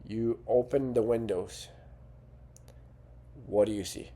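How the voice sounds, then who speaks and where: A man with a fairly low, mellow voice speaks as a coach. He talks in an earnest, conversational way and checks in with the listener often. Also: steady tone, slow. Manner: earnest, conversational, with fillers and rhetorical "right?". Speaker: fitness coach. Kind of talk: coaching talk to camera.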